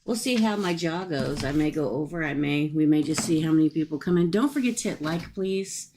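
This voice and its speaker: A low-voiced woman hosts a casual livestream. Her speech has a gravelly fry, and she talks through a swollen, sore jaw. She is folksy and chatty, wandering from one aside to the next as she addresses her viewers. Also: animated, a little fast, background noise. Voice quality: speaking with a swollen jaw and cheek after a tooth extraction. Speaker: livestream host offering paid psychic-style readings.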